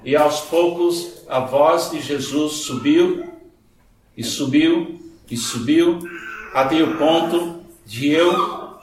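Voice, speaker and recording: A man's voice: on the high side, slow pace, long pauses. A man preaching a church sermon in Portuguese with an American English accent, earnest and emphatic, repeating key phrases. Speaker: guest preacher. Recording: echoey church hall, distant, noisy.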